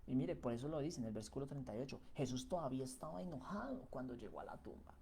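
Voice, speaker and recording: A man preaches a Bible reflection in a relaxed, conversational manner, full of fillers and checking questions. His voice is mellow and dark. A faint background noise sits under the recording. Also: medium pitch, fast.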